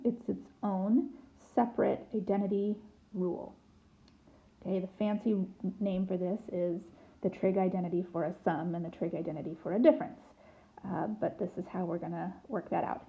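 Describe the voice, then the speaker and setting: A woman's voice: mid-range voice, gravelly, highs cut off, slight background noise. A woman math teacher recording a whiteboard lesson, chanting formulas out in rhythm with dry, teasing asides. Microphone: tablet mic.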